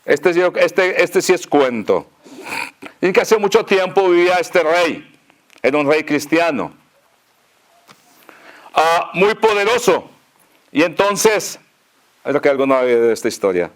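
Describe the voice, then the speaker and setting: A pastor with a northern Mexican accent telling a story in a sermon, folksy and chuckling, with many fillers. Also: male voice, a little high, expressive, a little slow, pauses often.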